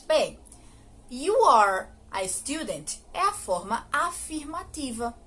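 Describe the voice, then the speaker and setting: A woman's voice: high voice, very animated, a bit bright. Brazilian woman teaching English grammar. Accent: Brazilian Portuguese. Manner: slow, drawn-out model English sentences between quick explanations; asks rhetorical questions, frequent "ok?". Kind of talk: recorded online grammar lesson.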